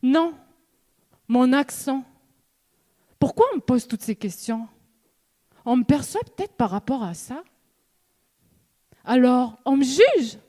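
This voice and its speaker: A young student from New Caledonia speaks in an eloquence contest, her delivery slow and measured with long dramatic pauses. Her voice sits high but sounds mellow and dark. She builds with rhetorical questions and repeated refrains. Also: lively intonation. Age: young adult. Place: stage in a hall before an audience.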